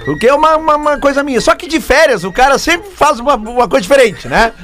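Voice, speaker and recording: A man with a southern Brazilian gaúcho Portuguese accent, chatting casually as a radio co-host in an animated, informal storytelling way. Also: extremely high pitch, quick pace, soft background music.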